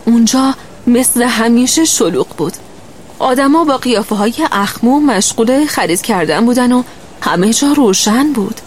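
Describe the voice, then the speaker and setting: A woman narrating a first-person children's story in a gentle, steady way. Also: fairly high pitch, slight background noise.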